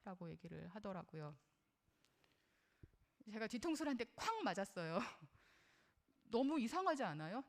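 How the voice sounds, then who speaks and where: A woman's voice: medium pitch, big pitch swings, moderate pace, pauses often. Middle-aged woman, parenting lecturer, earnest and conversational, asks her audience questions. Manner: personal, shares her own experience as a mother.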